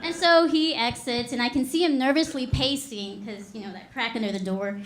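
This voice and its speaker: A woman's voice: fairly high pitch, normal speed, a little hiss or hum. A woman in her thirties from Texas, performing a stand-up comedy set in a dry, self-deprecating way. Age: 30s. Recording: echoey live room.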